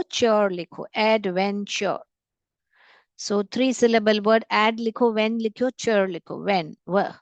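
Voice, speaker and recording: A woman English teacher giving a lesson in Hindi mixed with Indian English, patient and repeating each word slowly in syllables. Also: medium pitch, no room sound, dull audio. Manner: mixes Hindi and English, calls students "beta". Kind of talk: classroom lesson with dictation.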